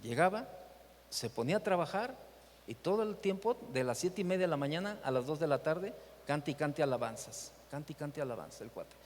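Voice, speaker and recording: A man's voice: fairly high pitch, a little fast, in a large hall, slight background noise. A man with a Mexican accent gives a church leadership talk, telling stories and asking rhetorical questions. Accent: Mexican Spanish. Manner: animated storytelling with rhetorical questions. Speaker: seminar speaker at a church. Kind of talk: preaching talk with anecdotes. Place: church meeting hall.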